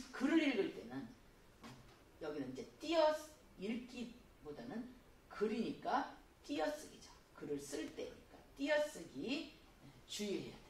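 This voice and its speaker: A woman teaching a spelling class, explaining patiently and reading example phrases slowly. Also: on the high side, slight background noise. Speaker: Korean spelling instructor. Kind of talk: classroom lecture. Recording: echoey room, voice from a distance.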